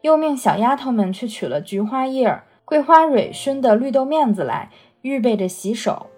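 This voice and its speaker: Woman reader, husky breathy voice, steady novel narration, faint music underneath. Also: fairly high pitch, normal speed. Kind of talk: reading a classic novel aloud.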